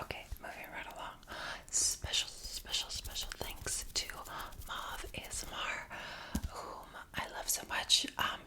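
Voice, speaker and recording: A woman whispering an informal, rambling ASMR chat close to the microphone, with halting asides. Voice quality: soft unvoiced whisper. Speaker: ASMR video creator. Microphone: close external microphone plugged into phone.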